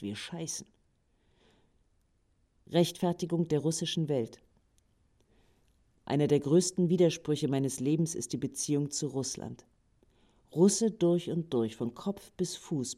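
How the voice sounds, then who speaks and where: A man reading a literary text aloud in a calm, measured way. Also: mid-range voice.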